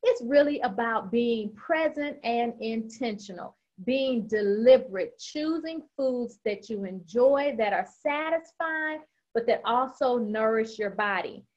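A woman dietitian with a fairly high voice gives a casual nutrition presentation and talks fast. She is chatty, with frequent "um" fillers. The audio is slightly dull and lo-fi, like an online meeting. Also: lively intonation, a little mellow.

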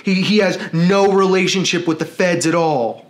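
A man's voice: sits high, normal speed. A man talking to the camera in a rambling, profane and emotionally charged rant. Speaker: vlogger. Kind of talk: ranting video monologue.

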